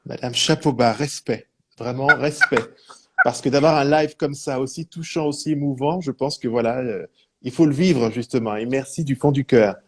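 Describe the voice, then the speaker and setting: A man's voice: medium pitch, normal speed, very noisy. A man hosting a live interview, heaping praise and leaning often on the same filler words. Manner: warm praise, repeats words like "justement". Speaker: interviewer host.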